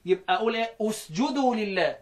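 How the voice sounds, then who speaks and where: Fast-talking Egyptian teacher, high voice. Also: male voice, expressive. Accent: Egyptian Arabic. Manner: questions students often and chants verses slowly. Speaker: Quran recitation teacher. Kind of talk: explaining recitation rules in a lesson.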